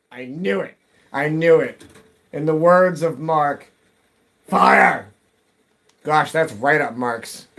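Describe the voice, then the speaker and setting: A man in his thirties talks casually through a live gaming stream from his basement. He answers chat between moves and mutters to himself as he plays. His voice sits at an ordinary mid pitch. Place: home basement.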